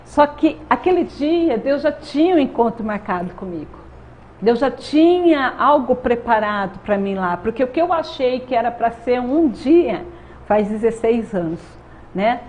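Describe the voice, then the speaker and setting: A woman's voice: a little high, lively intonation, measured pace, a little mellow. A woman in her thirties with a Brazilian accent, giving an earnest faith testimony as an interview guest and often adding "né?". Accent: Brazilian Portuguese. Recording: dull lo-fi sound with faint noise.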